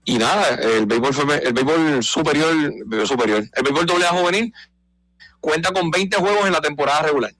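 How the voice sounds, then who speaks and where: A man's voice: fairly high pitch, a little fast, fairly bright tone, no echo, soft background music, poor audio. A man, talking baseball in a casual radio conversation, explaining things in an informed, emphatic way. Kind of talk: casual sports talk.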